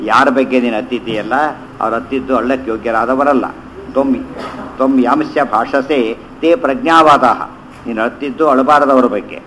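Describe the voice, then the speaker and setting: Man teaching slow scripture recitation. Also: medium pitch, fairly even intonation, fairly bright tone, slight background noise, poor audio. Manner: chants verses slowly, then explains conversationally with rhetorical questions. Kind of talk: scriptural commentary lecture.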